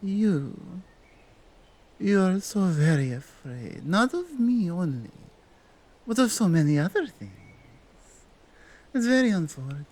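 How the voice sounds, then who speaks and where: A woman with a Nordic accent playing a dominant, stern yet coaxing Krampus in a slow, deliberate ASMR roleplay. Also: on the low side, sing-song, mellow. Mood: coaxing, reassuring. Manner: deliberate, commanding, halting non-native phrasing.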